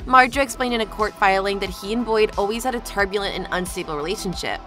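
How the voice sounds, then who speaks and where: Woman doing scripted news voiceover, very bright crisp tone, faint music under it. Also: medium pitch, fast. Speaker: narrator.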